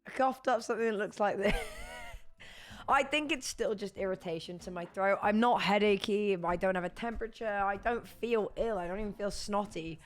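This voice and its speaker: Her voice half gone and hoarse, a young woman with a British accent keeps up casual, rambling chat with stream viewers, laughing often. She has a medium pitch and a moderate pace.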